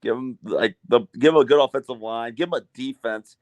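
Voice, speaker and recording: A young man co-hosting a casual sports podcast, blunt and excitable, with some swearing. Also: mid-range voice, a little fast, dry recording, lo-fi sound. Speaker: podcast co-host.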